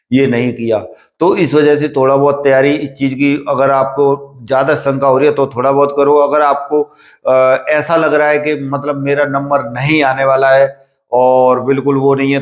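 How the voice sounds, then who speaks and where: Speaking in a mid-range voice within an echoey room, a man coaches students preparing for police and army recruitment exams at a physical training academy. His advice is informal and fatherly, and he repeats himself, halts often, and leans on filler phrases and check-questions.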